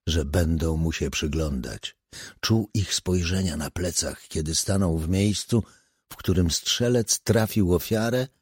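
A man narrating a crime novel as an audiobook, in measured, steady storytelling. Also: low voice, husky, no echo, studio quality. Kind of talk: scripted narration.

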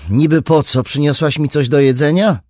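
A man's voice: a little high, fairly even intonation, normal speed, a little mellow, no room sound, clean studio sound, pitched above the performer's own voice, close to an everyday voice. A man doing a curt, scornful young woman. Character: rude, sullen young woman snapping back.

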